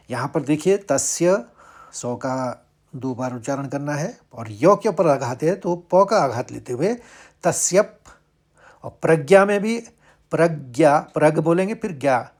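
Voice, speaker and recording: A man teaching Sanskrit verse recitation, chanting each line slowly and higher before explaining it word by word. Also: darkish tone. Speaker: Gita teacher. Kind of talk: slow Sanskrit recitation lesson.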